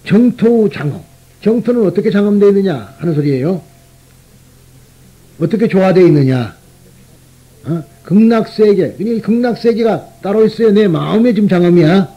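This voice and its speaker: Husky high-voiced monk. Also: male voice, expressive, a little fast, muffled recording. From Gyeongsang region, Korea. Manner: conversational, often tags rhetorical questions to the listeners. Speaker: Buddhist monk lecturer. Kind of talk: sermon.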